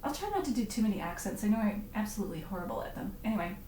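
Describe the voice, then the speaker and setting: A woman's voice: mid-range voice, lively intonation, rapid-fire, darkish tone, slight background noise. A middle-aged woman hosting a casual live-stream wine tasting, chatty and punning, reading viewer comments aloud. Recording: echoey room, faint ambience.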